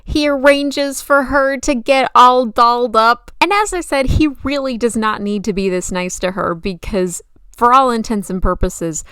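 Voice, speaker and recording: A woman's voice: fairly high pitch, normal speed, a bit bright, clean tone, no room sound. A woman giving enthusiastic, conversational film commentary in an emphatic, gushing and casually opinionated way. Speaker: video essayist and film commentator.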